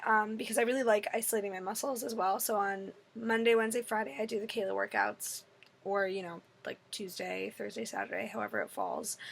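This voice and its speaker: A woman in her twenties with a hoarse, worn-out voice, chatting casually and apologetically in a rambling Q&A vlog. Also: a little high, a bit bright. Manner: apologetic, rambling, self-deprecating. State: voice strained and partly gone. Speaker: fitness vlogger. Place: indoors in an apartment.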